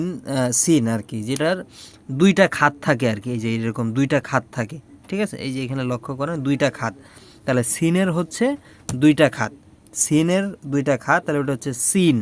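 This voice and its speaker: A man's voice: medium pitch, normal speed. A man teaching the Arabic alphabet in a casual spoken lesson, patiently repeating each letter several times with many fillers.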